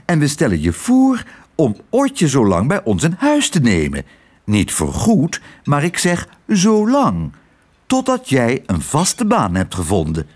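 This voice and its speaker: A man voicing a fussy, bossy middle-aged aunt who keeps insisting in a high, drawn-out voice. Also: wildly swooping pitch, darkish tone. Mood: insistent.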